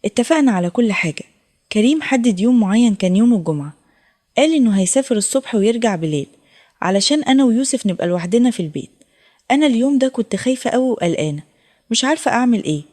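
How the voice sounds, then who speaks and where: Fast-talking Egyptian woman narrating a story. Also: a little high, a little mellow. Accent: Egyptian Arabic. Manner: earnest, confessional telling. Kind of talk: first-person audio story narration.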